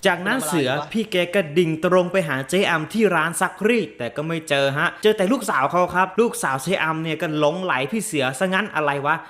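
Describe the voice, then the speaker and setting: A man's voice: high voice, a little fast, hardly any pauses, fairly bright tone. A man narrating a casual comic movie recap, chatty and teasing, with slangy asides to viewers.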